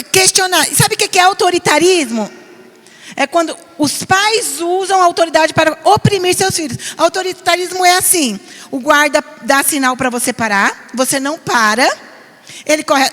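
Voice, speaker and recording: A middle-aged woman pastor with a São Paulo Brazilian accent, teaching a parenting class in an earnest, animated way. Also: sits high. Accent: Brazilian Portuguese, São Paulo. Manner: earnest, animated, mimics nagging voices. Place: church hall. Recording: long reverb of a church hall.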